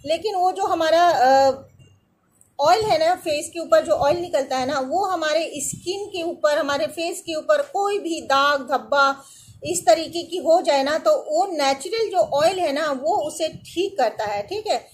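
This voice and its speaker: Woman, thirties, high-pitched, earnest and reassuring, casual vlog advice, webcam at a desk. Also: a little slow. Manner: earnest, reassuring, often adds "theek hai na". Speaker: beauty and skincare vlogger. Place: indoor room with curtains.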